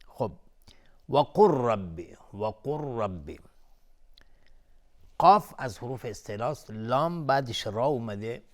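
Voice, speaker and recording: A man teaching tajweed on a TV lesson, reciting words slowly and then explaining the rules briskly, repeating words to show how they are said. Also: fairly low pitch. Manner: repeats words to demonstrate pronunciation.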